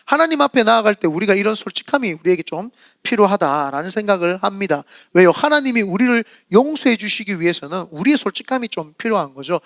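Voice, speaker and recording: Korean pastor guy preaching, kinda high voice with gravel in it, acts out the prayers he quotes. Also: fast talker, no echo, clean studio sound. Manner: lively storytelling, acts out quoted prayers and dialogue. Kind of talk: sermon. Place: church sanctuary.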